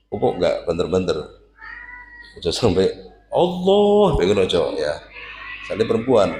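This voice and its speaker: A man teaching a casual religious class to students, lively and jokey, breaking into recitation to demonstrate. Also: low-pitched, reverberant, slight background noise. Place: prayer room with students.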